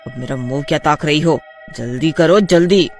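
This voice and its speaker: A man voicing a cruel, bossy witch daughter-in-law in a cartoon story, shouting threats and orders. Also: on the high side, normal speed, faint music behind, lightly acted. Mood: scolding, menacing. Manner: loud, scolding, threatening.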